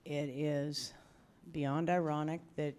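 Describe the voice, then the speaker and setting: Measured older woman with a flat, mellow voice. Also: low-pitched, clean tone. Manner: measured, steady, firm. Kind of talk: measured formal remarks. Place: school board meeting room. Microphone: table microphone.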